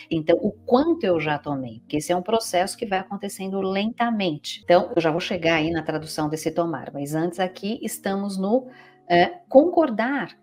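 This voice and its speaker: A woman's voice: lowish voice, darkish tone. A woman with a Brazilian Portuguese accent, a psychologist giving an explanatory teaching talk, patiently checking in with her listeners as she goes. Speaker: psychologist and family constellation teacher.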